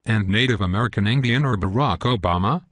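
A man's voice: lowish voice, fairly quick, fairly bright tone, breathy edge, no echo. A synthetic male voice playing a smug, belligerent parody news anchor in a scripted cartoon newscast, stiff and pompous. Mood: accusing.

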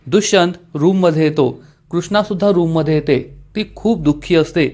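Man, episode recap narration, steady storytelling, fairly high voice. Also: normal speed. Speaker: serial episode reviewer.

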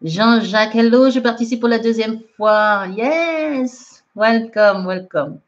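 Speaking slowly in a fairly high pitch, this Frenchwoman teaches English during a livestream, going through viewers' comments and correcting them with frequent laughter and plenty of banter in both French and English. The recording has the flat, lo-fi quality of a livestream.

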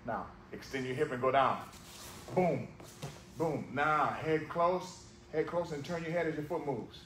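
Calling out brief commands and repeating cues, a man coaches judo hands-on at a measured pace. His voice is fairly high and fairly bright. A camera on the floor of the large gym records him, with echo and background noise.

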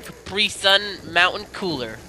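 A young man hosting a casual let's play, rambling excitably with lots of fillers. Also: high-pitched, measured pace, background noise. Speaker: gaming channel host. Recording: game audio with gunfire over the voice. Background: gunfire.

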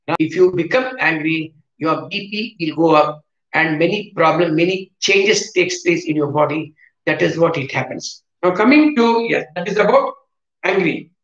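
A man, teaching vocabulary in a slow, repetitive way and switching into Hindi to explain. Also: on the high side, a bit bright. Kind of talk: classroom lesson on vocabulary. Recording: echoey room, dull lo-fi sound.

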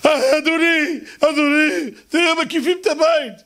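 Man as frantic young servant, high pleading voice. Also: sharp tone. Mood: panicked. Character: panicked young male servant of a prophet.

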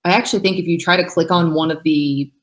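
A woman co-hosting a business webinar in a casual, excited, upbeat way. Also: low-pitched, fast talker. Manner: excited, upbeat, says she is yelling. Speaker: webinar co-host.

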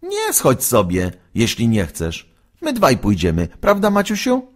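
A man's voice: medium pitch, wildly swooping pitch, measured pace, pitched above the performer's own voice. A man voicing a mischievous ten-year-old boy in a storybook, cheeky and conspiratorial. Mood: teasing. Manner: cheeky, secretive whispering.

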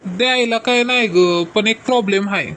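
A woman's voice: mid-range voice, normal speed, a bit bright, slight background noise, lightly acted. A woman playing a sheepish, stammering husband. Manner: hesitant, stammering, placating. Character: bumbling middle-aged husband, sheepish and evasive. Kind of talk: comic skit acting.

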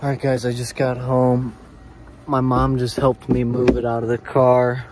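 A man's voice: medium pitch, monotone, a little slow. A young man talking casually to his vlog audience, thinking aloud in slangy speech with light swearing. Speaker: vlogger. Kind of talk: casual vlog talk to camera. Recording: clear background noise, handheld vlog recording.

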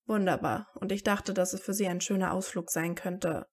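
A woman's voice: fairly low pitch, steady tone, moderate pace, natural voice. A woman reading aloud and voicing a tired teenage boy wizard who talks dryly and sarcastically. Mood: wry, tired. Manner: dry and sarcastic.

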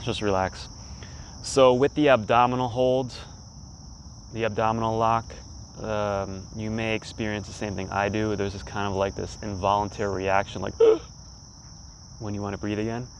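A thirtysomething man with a lowish voice and vocal fry guides a breathing exercise by a leafy pond, speaking in brief phrases with pauses between them. The low-quality recording picks up insects, outdoor ambience, and faint noise.

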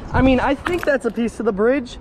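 A young man hosts an outdoor vlog, excitable and quick to laugh. His voice sits very high. He films on an action camera beside a road, and clear traffic noise runs behind him. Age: young adult. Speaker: host. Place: outdoors by a busy road and bridge. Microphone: action camera, chest mount or held at arm's length.

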